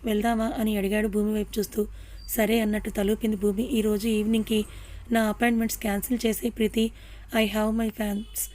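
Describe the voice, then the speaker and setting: A woman narrating a romantic audio story and speaking each character's lines herself, softly expressive. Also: mid-range voice, brisk. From Telugu-speaking India.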